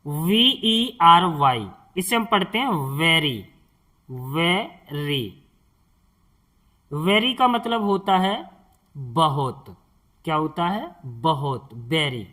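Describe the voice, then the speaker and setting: Slow, patient high-voiced teacher. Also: male voice, animated, pushed and bright. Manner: slow and patient, spells out words letter by letter and asks the viewer questions. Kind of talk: spoken English lesson for beginners.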